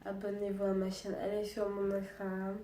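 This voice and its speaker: A young woman speaking quietly and hesitantly in a personal vlog, subdued and sad, with halting, restarting sentences. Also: mid-range voice, completely flat delivery, reverberant, far from the mic, a little hiss or hum. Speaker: vlogger.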